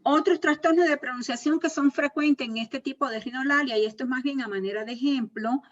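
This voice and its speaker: A woman's voice: high voice, fairly quick. A woman teacher giving a lecture, explaining step by step, repeating key points and checking in with her class. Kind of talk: university lecture on speech disorders. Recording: dull lo-fi recording.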